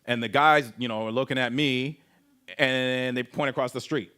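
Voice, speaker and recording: A man from Canada, speaking at a camp and telling a personal story in an animated way, acting out voices and sound effects. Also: medium pitch, normal speed, clean tone. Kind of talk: storytelling testimony talk.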